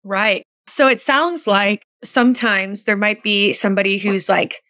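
Woman hosting a podcast, medium pitch, dry close recording, sums up what the guest says. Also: unhurried, pushed and bright, dry recording. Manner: asks open questions, rephrases the guest's points. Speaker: podcast host. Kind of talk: interview questions.

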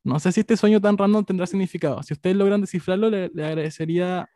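A man's voice: high voice, fast talker, dark tone, no room sound, clean studio sound. A young Chilean man co-hosting a casual podcast, reading out listener dreams in a playful, slangy way. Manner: playful, laughs often, slangy. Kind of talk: casual chat, reading messages aloud.

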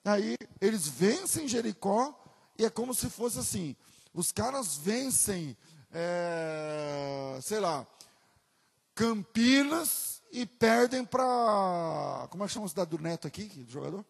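Gravelly, husky Brazilian pastor preaching. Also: male voice, high-pitched, lively intonation, takes it slowly, in a large hall. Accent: Brazilian Portuguese. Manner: builds from conversational asides to loud emphatic preaching. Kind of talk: sermon.

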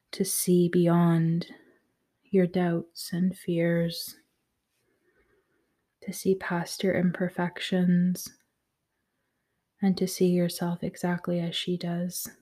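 A woman leading a guided meditation in a soft, soothing voice that often drops to a whisper. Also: lowish voice, completely flat delivery, slow pace, pauses often.

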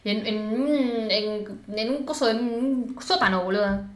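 A young woman with a Rioplatense accent chatting casually, fast and slangy, acting out what others said. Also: on the high side, roomy sound. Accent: Rioplatense Spanish. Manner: fast, slangy and expressive, acts out quotes. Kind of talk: casual chat.

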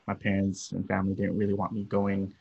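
A young man from Los Angeles, a podcast guest, talking about his upbringing in a relaxed, rambling way with many fillers. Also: sits low, brisk, gravelly, breathy edge. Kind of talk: casual interview. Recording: dull lo-fi audio.

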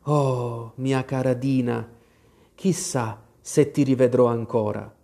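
A man's voice: medium pitch, fairly even intonation, slow pace, gravelly, dark tone. A man voicing an earnest, apologetic young girl in a storybook reading. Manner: eager, pleading.

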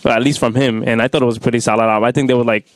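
A man co-hosting a casual podcast chat, talking in a relaxed, rambling way with restarts. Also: mid-range voice, racing, dry recording. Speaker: podcast co-host.

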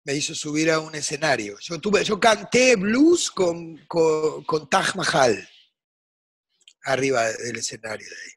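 Older Rioplatense man, guest musician, husky raised voice, emphatic and swinging between hush and shouts. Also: a little high, lively intonation, unhurried. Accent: Rioplatense Spanish. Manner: emphatic, swings from hushed to loud. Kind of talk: impassioned interview monologue.

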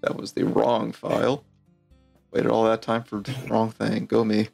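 A man's voice: lowish voice, monotone, a little slow, gravelly, darkish tone, slightly rough, soft background music. A man acting as game master, chatting casually and joking about his own slips. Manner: joking, stumbling self-deprecation. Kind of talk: casual tabletop game chat.

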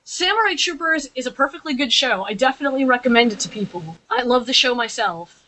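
Higher-voiced woman podcaster, casual and analytical. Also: lively intonation, fast talker, pushed and bright, a little hiss or hum, rough recording. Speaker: podcast co-host. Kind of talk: casual review discussion.

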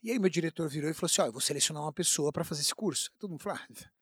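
A Brazilian man tells a personal story with emphatic, animated delivery. His voice is husky and sits a little high, and the recording is dry and close. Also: rapid-fire, dry recording. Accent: Brazilian Portuguese. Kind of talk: storytelling in casual chat.

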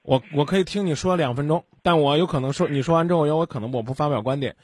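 A man hosting a radio call-in show, calming a caller and speaking bluntly. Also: fairly high pitch, fast, slightly rough, dry recording. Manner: calm, blunt, soothing. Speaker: radio host.

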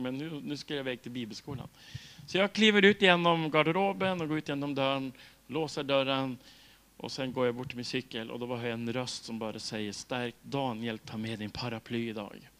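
A middle-aged Swedish man preaching a sermon, telling stories with laughs and acting out dialogue. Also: medium pitch. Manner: lively storytelling with laughs and acted-out dialogue. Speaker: pastor.

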